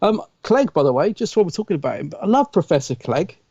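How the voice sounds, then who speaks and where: A man's voice: fairly high pitch, sing-song, fast, a little mellow, breathy edge, no room sound, muffled recording. A man co-hosting a podcast, chatting enthusiastically with lots of fillers. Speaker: podcast co-host. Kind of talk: casual chat.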